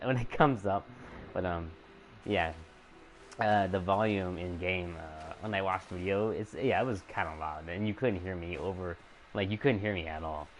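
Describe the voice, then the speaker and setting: A young man streaming a game, talking casually in a quiet, hesitant way with many fillers and restarts. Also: low voice, normal speed, a little hiss or hum, low-quality recording.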